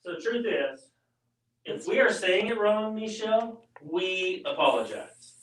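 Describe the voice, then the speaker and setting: A man's voice: sits high, very animated, a little slow, fairly bright tone, distant mic, slight background noise. Off-mic man bantering in a roomy space. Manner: playful, teasing banter. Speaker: host's husband reading viewer comments.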